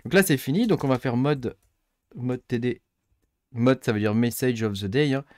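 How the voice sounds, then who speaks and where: A man, middle-aged, hosting a casual tech tutorial, thinking aloud and filling pauses with many hesitations. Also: medium pitch, a little mellow, dry recording, clean studio sound. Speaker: tech channel host. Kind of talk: casual screen-recorded tutorial.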